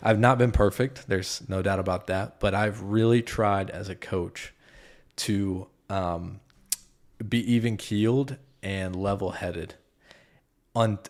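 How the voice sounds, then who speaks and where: Deep gravelly man, a basketball coach. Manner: thoughtful, self-correcting, earnest. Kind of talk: casual podcast conversation.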